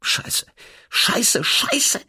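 A man voicing a stubborn young woman motorcyclist after a crash, speaking gruffly and snapping back. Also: medium pitch, expressive, normal speed, a bit bright, pitched above the performer's own voice. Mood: furious.

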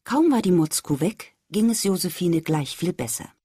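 A woman reading a children's story aloud, speaking gently and addressing the young listener directly. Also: fairly low pitch, expressive, moderate pace, loud music behind the voice.

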